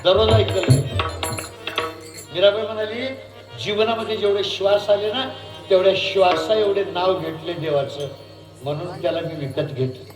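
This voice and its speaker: In a reverberant space over music, a high-voiced man shifts between singing verses and preaching in a devotional kirtan sermon. He quizzes the audience with animation, speaking at a moderate pace with long pauses.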